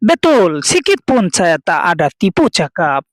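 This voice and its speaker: A woman's voice: on the low side, sing-song, measured pace, no echo. A woman from Bangladesh, patiently teaching words and explaining each one in turn. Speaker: language teacher. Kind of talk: slow explanatory lesson.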